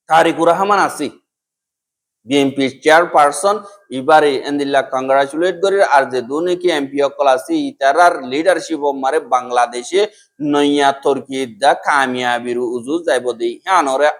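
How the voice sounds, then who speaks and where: A man with a Rohingya accent reads a scripted news bulletin. His voice sits a little higher than most men's.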